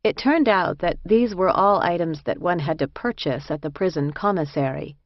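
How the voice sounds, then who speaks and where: A woman narrating a first-person memoir in a measured, reflective way. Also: lowish voice, dry recording. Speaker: audiobook narrator. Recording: dry, slightly muffled recording.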